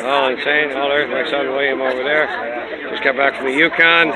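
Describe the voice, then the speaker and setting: A man's voice: medium pitch, steady tone, moderate pace, poor audio. A man in his fifties with a Canadian accent, chatting casually and jokingly to a phone held at arm's length outdoors. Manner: jokey banter. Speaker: event vlogger interviewing friends. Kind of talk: casual chat to camera. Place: outdoors in a crowded lakeside park. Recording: outdoor phone video amid crowd noise. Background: crowd chatter.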